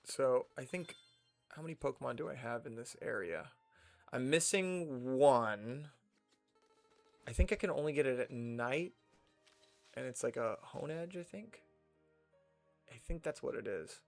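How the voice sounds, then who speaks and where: A young streamer from the United States with a General American accent offers loose gameplay commentary, rambling to himself in a medium-pitched, creaky voice.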